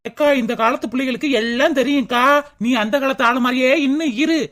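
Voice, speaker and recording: A woman voicing Chinnaponnu, a bold, knowing young village woman in a cartoon, who talks in a brisk, teasing, coaxing way with a southern Tamil Nadu rural dialect. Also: high voice, a bit bright.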